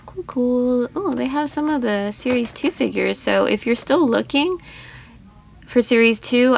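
A woman's voice: mid-range voice, gravelly, a little hiss or hum. Gushing woman touring toy aisles. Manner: chatty, easily delighted, gushing over toys. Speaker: toy vlogger. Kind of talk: casual toy-hunt commentary.

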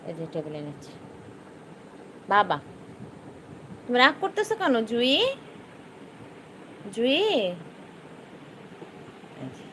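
A woman's voice: mid-range voice, slight background noise. A woman at home, coaxing her pet in sing-song baby talk. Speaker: pet owner vlogger.

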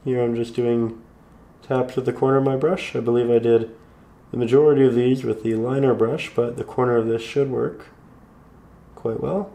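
A man calmly guiding viewers through a step-by-step painting tutorial, slightly hoarse, in an unhurried, encouraging way. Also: mid-range voice. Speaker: painting instructor.

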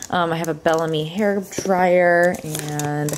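A woman's voice: deep voice, fairly even intonation, unhurried, slight background noise. A young woman chatting casually in a home vlog, rambling and giggly as she talks to her viewers. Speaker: vlogger.

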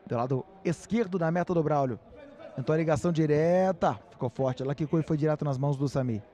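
Brazilian male commentator, slightly high pitch, live match play-by-play in short bursts. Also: fast, dark tone, some chatter behind. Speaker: sports commentator.

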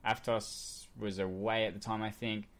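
A man in his twenties with a lowish voice, co-hosting a casual podcast. He rambles loosely, restarts his sentences and leans on fillers like "uh" and "like". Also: little pitch movement, moderate pace, a bit bright. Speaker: podcast co-host. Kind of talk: casual chat.

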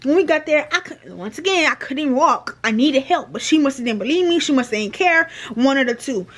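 A woman's voice: high-pitched, lively intonation, a little fast, fairly bright tone. A young woman vlogger telling a casual storytime, chatty and slangy, repeating her phrases.

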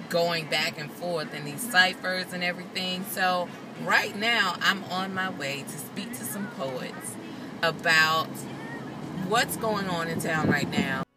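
A woman's voice: low-pitched, slow, over music, poor audio. A young woman reporter chatting casually, stretching words for emphasis, filmed in a car on a phone at arm's length. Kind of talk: casual chat. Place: inside a car.

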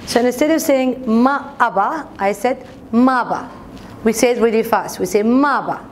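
A woman's voice: on the high side, fairly quick, a little mellow, a little hiss or hum. A young woman teaching an informal language lesson to camera, explaining and repeating example words. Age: young adult. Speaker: language teacher and video host. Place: bright indoor office classroom.

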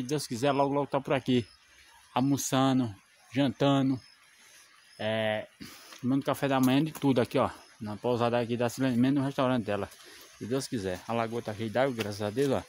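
A Brazilian bricklayer vlogs casually from a rural building site, filming on a phone he holds himself. His mid-range voice is a little mellow, he's chatty and devout, pointing things out as he goes, with a slight hiss or hum in the audio.

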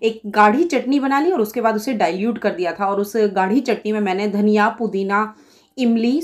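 Indian woman chatting through a home recipe. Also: mid-range voice. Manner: chatty step-by-step explaining with fillers. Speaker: cooking vlogger. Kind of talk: casual recipe voice-over.

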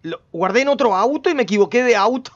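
A man giving casual gameplay commentary, chatting to himself and his viewers with sudden loud outbursts. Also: very high-pitched, expressive, quick pace, dull audio, a little hiss or hum. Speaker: gameplay streamer.

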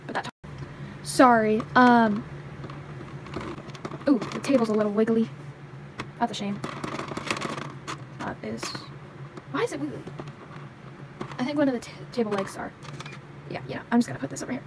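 A woman's voice: fairly high pitch, moderate pace, pauses often. A young woman chatting casually as she shows off the pieces of a toy vet clinic playset, with lots of fillers like "like" and "um". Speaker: toy unboxing vlogger. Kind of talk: casual unboxing show-and-tell. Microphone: handheld phone camera, speaker off screen. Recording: audible background noise.

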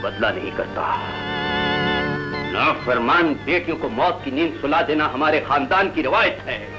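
An actor playing a stern, unbending landowner who speaks in a cold, menacing way, in 1980 film dialogue. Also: male voice, a little high, lively intonation, close to an everyday voice. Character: stern male landowner patriarch, harsh and unbending. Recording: lo-fi old film soundtrack with music.

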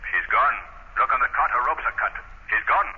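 A man playing a menacing invisible crime fighter in 1930s radio drama, commanding and theatrical in a deliberate delivery. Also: medium pitch, animated, slightly rough, phone-quality sound. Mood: taunting, stern. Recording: thin, noisy 1930s radio recording.

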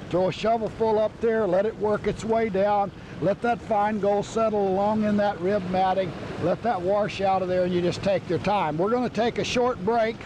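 Folksy high-voiced man teaching outdoors. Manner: folksy, down-to-earth, with frequent fillers and restarts. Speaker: gold prospecting show host. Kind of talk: outdoor how-to demonstration. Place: outdoors on a windy beach. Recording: noisy outdoor video with wind.

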